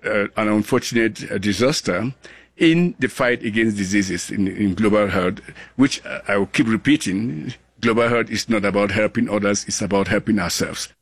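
In a dry recording, a Cameroonian man in his sixties who works as a global health scientist gives an earnest interview, his speech halting with frequent restarts. His voice is on the low side and slightly rough.

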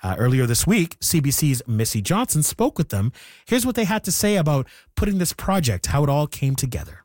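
A man's voice: a little high, very animated, fairly quick, a little mellow, dry recording, studio quality. A man, the radio host, reading a scripted introduction with small stumbles.

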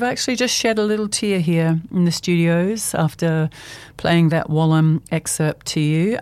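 A woman hosting a community radio show from the studio, chatty and quick to laugh, with loose, rambling phrasing. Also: deep voice, darkish tone, smooth. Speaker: radio host.

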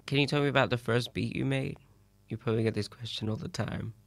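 A man's voice: medium pitch, fast talker, gravelly, dry recording. A man interviewing a musician, curious and encouraging, asking long, open questions.

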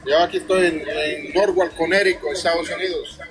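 High-voiced Honduran caller on a phone. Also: male voice, steady tone, brisk, music in the background, poor audio. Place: on a boat at work. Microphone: phone video call.

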